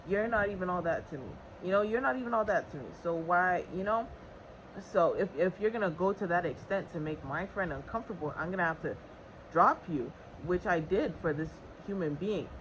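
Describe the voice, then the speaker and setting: A young woman talks through a personal story in a loose, rambling way, restarting sentences and leaning on fillers. Her voice sits on the lower side for a woman. A faint hiss of noise runs under the recording. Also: rough recording. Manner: chatty, with many fillers and restarts. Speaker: vlogger. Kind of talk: casual storytime.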